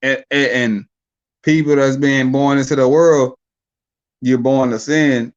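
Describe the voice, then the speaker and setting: A man's voice: medium pitch, steady tone, unhurried, dull audio. A young man in a casual podcast debate, talking loosely and repeating words while he works out his point. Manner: loose, rambling, repeats words when thinking. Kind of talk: casual debate over mics.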